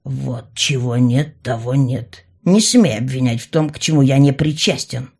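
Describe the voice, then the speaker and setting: A woman's voice: extremely low pitch, measured pace, warm tone, slightly rough, exaggerated voice. A woman voicing a sly, mocking young male mage who drawls and teases. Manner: drawling, teasing.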